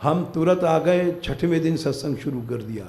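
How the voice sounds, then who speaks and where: A man's voice: a little high, expressive, normal speed, a little mellow, reverberant. An older man giving a live devotional discourse as a spiritual teacher, urging his listeners firmly to wake up and keep their vows. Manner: exhorting, commanding listeners to wake up. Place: temple hall, live gathering.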